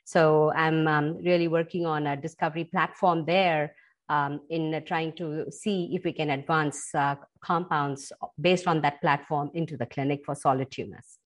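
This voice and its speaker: A middle-aged woman from India with an Indian accent, explaining her work in a podcast interview in an articulate, measured way. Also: deep voice, fairly even intonation. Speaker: guest, pharma executive.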